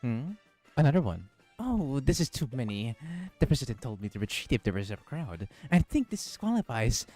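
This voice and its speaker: A man reading a game story aloud and breaking off for excited, profane reactions. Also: mid-range voice, moderate pace, faint music behind. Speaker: gaming streamer.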